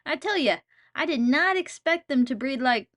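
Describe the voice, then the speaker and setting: A woman's voice: high-pitched, animated, normal speed, a bit bright. A woman narrating a comedic game video in a wry, playful, self-mocking way.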